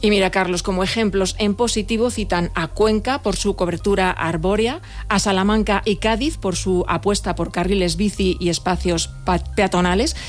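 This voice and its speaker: A woman reporter gives a clear, scripted news piece on the radio, reading figures and names at a steady news pace. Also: medium pitch, normal speed, soft background music.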